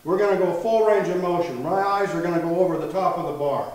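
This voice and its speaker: A fitness trainer in his sixties, whose voice sits high and is a little mellow, talks fast as he earnestly demonstrates a workout step by step. He's recorded from far off in a very echoey indoor gym.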